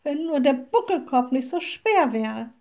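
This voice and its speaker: A woman voicing a cheeky little old witch who talks high and sweetly mocking. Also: lively intonation, unhurried, warm tone. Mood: sly sweet.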